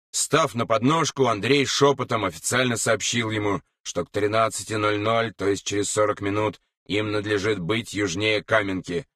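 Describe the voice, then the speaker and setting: A man reading an audiobook in a measured, unhurried way. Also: on the low side, a bit bright, no echo, studio quality, distant mic. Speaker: narrator. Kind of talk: audiobook narration.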